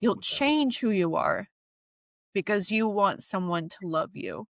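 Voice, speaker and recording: A woman's voice: medium pitch, sing-song, measured pace, gravelly, no echo, studio quality. A woman speaking as a podcast guest in an emotional personal conversation, heartfelt and rambling, near tears at times.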